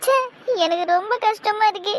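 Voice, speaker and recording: A woman's voice: extremely high pitch, a little fast, very noisy. A woman voicing a hurt young woman who pleads that everyone hates her, in an amateur audio drama. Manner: plaintive, pleading, self-pitying.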